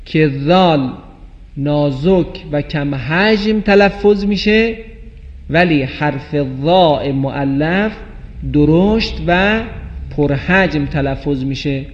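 A man teaching Quranic letter pronunciation, explaining clearly and chanting example words slowly, in a dull recording with long reverb. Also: a little high. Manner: slow drawn-out chanted recitation of example words. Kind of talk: tajweed pronunciation lesson.

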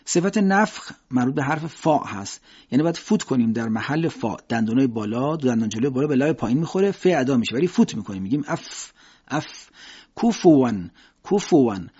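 A man teaching Quranic recitation, demonstrating each letter slowly and repeating the examples. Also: mid-range voice, darkish tone, slightly rough. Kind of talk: religious pronunciation lesson. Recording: dull lo-fi audio.

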